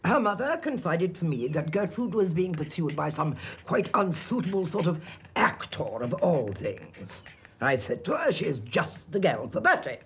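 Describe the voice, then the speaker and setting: An actress playing a domineering, snobbish older upper-class English aunt who scolds imperiously. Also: female voice, lowish voice, big pitch swings, moderate pace, slightly rough, full character voice.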